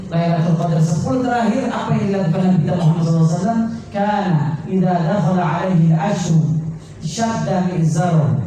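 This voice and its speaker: A man's voice: fairly high pitch, warm tone, a little hiss or hum. A man preaching a sermon, telling stories with quoted dialogue, reciting Arabic verses and putting questions to his listeners. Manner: addresses listeners directly, asking them questions. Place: mosque. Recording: echoey room, heard from a distance.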